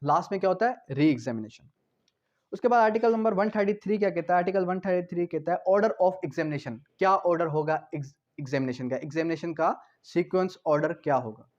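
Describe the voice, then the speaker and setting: This high-pitched male lecturer speaks fairly quickly, teaching law by reading legal articles aloud and then putting them in his own words. He mixes Hindi and English, goes over points more than once, and asks rhetorical questions in a didactic manner. The sound is dull and lo-fi.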